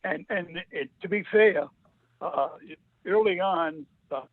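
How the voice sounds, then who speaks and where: A man's voice: high-pitched, huge pitch swings, creaky, dry recording. Man on a choppy group call. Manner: halting, many filler pauses. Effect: voice over a group call line that breaks up. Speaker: board member at a public meeting. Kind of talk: remote meeting discussion. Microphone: computer or phone on a group call. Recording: tinny, dry call audio.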